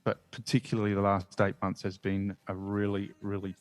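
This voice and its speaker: A man's voice: fairly low pitch, monotone, a little fast, no echo. A man talking casually as part of a podcast panel. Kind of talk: casual chat.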